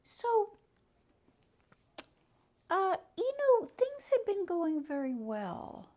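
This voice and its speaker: A woman telling a story aloud to children, stretching words for emphasis and asking them questions. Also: very high-pitched. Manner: animated, drawn-out emphasis, asks the children questions.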